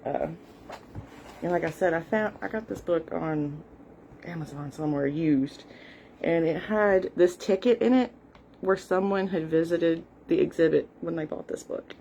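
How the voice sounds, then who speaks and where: A Southern American woman with a soft, mellow, fairly low voice rambles happily at home, full of ums and little apologies. She sounds middle-aged and eager, and a faint hum of the room sits behind her. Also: unhurried, creaky, poor audio. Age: at least late 40s. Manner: chatty and enthusiastic, frequent fillers and apologies; shows a book page and walks viewers through it. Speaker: history hobbyist host. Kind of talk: casual rambling explanation. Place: home, cat nearby.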